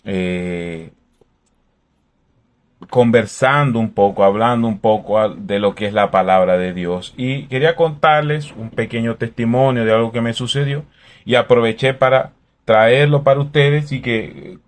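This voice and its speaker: A man talks through faith questions in a calm, reflective way. His voice sits at an everyday middle pitch, and he speaks conversationally, like a host sharing ideas with his viewers. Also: unhurried. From Venezuela.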